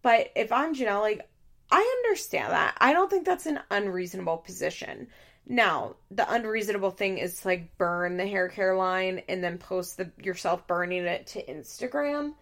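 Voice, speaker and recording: Chatty woman with heavy vocal fry. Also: medium pitch, lively intonation, normal speed, a bit bright. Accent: Valley Girl. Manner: chatty, frequent "like" fillers, swearing, amused. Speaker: podcast host. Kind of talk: casual reality-TV recap monologue.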